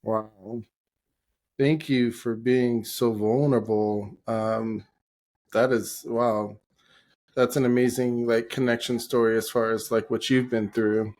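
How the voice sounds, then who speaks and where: Slow, soft-spoken male podcast host. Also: mid-range voice, flat delivery. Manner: soft-spoken, gentle, with fillers. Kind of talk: casual interview.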